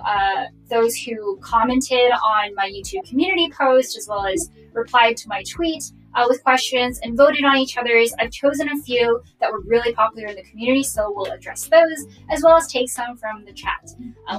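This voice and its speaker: A young adult woman hosting a casual live-streamed interview, chatty with many fillers, heard through low-quality stream audio. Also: moderate pace. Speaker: host. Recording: distant low-quality stream mic, faint music.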